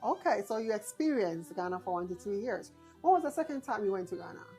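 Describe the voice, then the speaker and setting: Lady doing a casual interview, medium pitch, rewords her questions, faint music behind. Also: big pitch swings, quick pace, darkish tone, low-quality recording. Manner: encouraging, circles back and rephrases questions.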